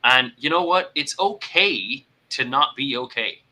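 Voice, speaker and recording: Bright-voiced earnest man in casual chat. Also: medium pitch, animated, unhurried, a little hiss or hum, poor audio. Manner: earnest, repeats words while thinking; puts on voices to act out examples. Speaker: podcast co-host. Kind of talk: casual mental health chat.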